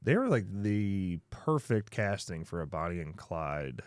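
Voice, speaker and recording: A man's voice: low voice, big pitch swings, measured pace, clear, resonant tone, no echo. A man in his thirties chatting casually as a co-host on a live stream. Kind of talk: casual chat.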